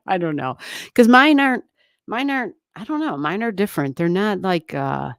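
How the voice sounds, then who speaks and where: Speaking in a mid-range, slightly bright voice with lively intonation, she keeps a measured pace and leaves long pauses. The recording is clean, studio-grade, and free of room sound. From a home room without soundproofing, she runs an astrology livestream on a half-turned-down desk microphone, rambling casually with viewers and laughing frequently.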